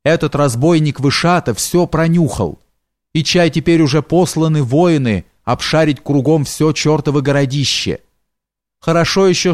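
A man's voice: on the high side, a little mellow, no echo, studio quality, close to an everyday voice. A man voicing a frightened, superstitious male servant who stammers and exclaims in fright in a storybook reading.

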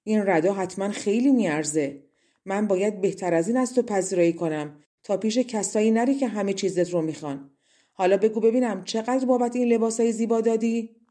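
A woman's voice: medium pitch, lightly acted. A woman voicing a greedy, scornful old crone who walks with a cane and mocks as she talks. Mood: mocking. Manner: mocking, grasping, sharp-tongued.

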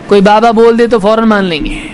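A man with a very high voice delivers a sermon, reading Arabic lines and retelling them in everyday Urdu. He shifts his tone to play the people in the story. Faint background noise with passing vehicles sits behind him. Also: fairly even intonation. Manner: quotes Arabic text then explains in colloquial Urdu; acts out the speakers in the story with changing tone. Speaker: Islamic preacher.

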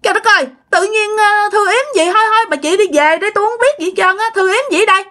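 A dismissive old village sorcerer, put on by a woman, speaking in a raised, high voice. Short and curt, he brushes people off in a spoken ghost story. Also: fast, bright, forceful tone. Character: older man, stern village sorcerer.

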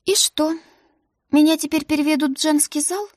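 A woman voicing a sharp-tongued young heroine. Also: dry recording, studio quality, natural voice. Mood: anxious. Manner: high, quick, sarcastic.

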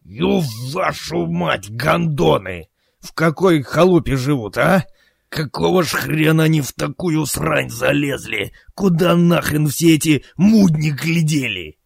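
A man voicing a foul-mouthed, gruff male police captain who barks out curses, with a dry sound. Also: on the high side, lively intonation, measured pace, dry recording, pitched above the performer's own voice, exaggerated voice. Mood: angry. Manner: barking, swearing.

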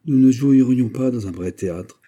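A man reading the part of a proud, defiant young woman in an audiobook, with curt, clipped replies and a husky voice. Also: mid-range voice, moderate pace, dark tone, lo-fi sound, pitched above the performer's own voice, close to an everyday voice.

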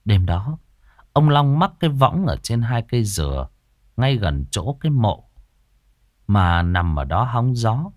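A man narrating a ghost story in a measured, dramatic storytelling manner. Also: medium pitch, sing-song, darkish tone, dry recording, clean studio sound.

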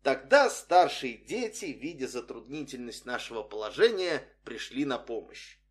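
A man reads a comic tale aloud, and his pitch swings freely up and down through each sentence. His delivery stays dry and wry, letting the irony carry the jokes. His voice sits at an ordinary middle pitch for a man. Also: sing-song, moderate pace. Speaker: audiobook reader. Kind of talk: scripted narration of a humorous story.

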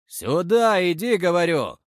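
A man's voice: high-pitched, big pitch swings, a little slow, darkish tone, no echo, voice pushed up, full character voice. Male narrator playing a big growling thug, heavy-handed, dry close sound. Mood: suspicious. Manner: growling, bullying. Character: hulking hungover village thug, gruff and suspicious.

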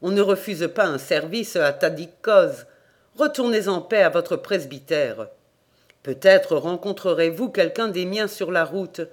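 An audiobook reader voicing a solemn, commanding old peasant with a sorcerer's air, reading the lines gravely. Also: mid-range voice, animated, measured pace, lightly acted.

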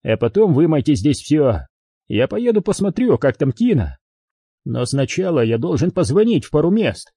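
A man's voice: on the high side, very animated, moderate pace, mellow, husky, no room sound, studio quality, voice pushed up, heavily acted. A man voicing a ruthless middle-aged London gang boss who snarls his threats. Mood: cold, commanding. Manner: snarling, menacing.

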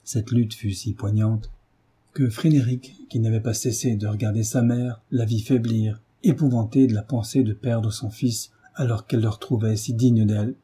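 A man reading a novel aloud as an audiobook narrator, measured and dramatic. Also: fairly low pitch, fairly even intonation, warm tone, husky. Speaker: audiobook reader. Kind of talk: scripted narration.

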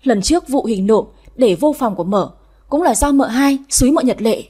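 A woman's voice: on the high side, expressive, normal speed, mellow, husky. A woman voicing a terrified young servant girl who pleads tearfully and stammers, in a storybook reading. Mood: pleading.

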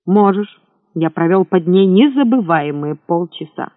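A man's voice: high-pitched, animated, measured pace, no echo. A man voicing a brash, insolent young rogue who talks in a mocking, boastful way. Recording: thin phone-like sound, dry.

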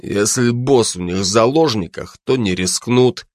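A man's voice: medium pitch, a little slow, no room sound, studio quality, close to an everyday voice. A man voicing a hot-tempered gang boss who barks short orders. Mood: stern. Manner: curt, barking orders.

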